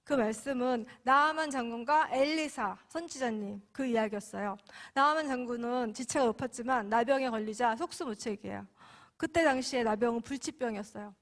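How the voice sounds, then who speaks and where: A woman's voice: a little high, a little fast. A woman giving a testimony sermon as a mission representative, telling her story expressively with sudden emphatic rises.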